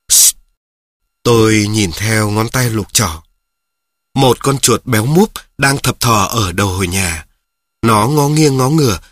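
A man narrating a children's story in a steady reading voice, speaking directly to his listeners. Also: fairly low pitch, breathy edge, dry recording, studio quality.

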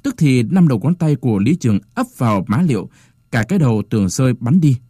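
Man, narrator, story reading, expressive, dry close sound. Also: mid-range voice, fast, breathy edge, no echo.

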